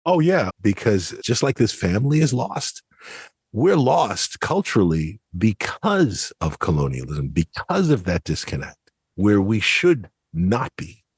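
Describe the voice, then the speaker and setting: This American podcast commentator has a lowish, husky voice with a sing-song lilt. He moves at a measured pace, offering conversational analysis in an explanatory, emphatic manner.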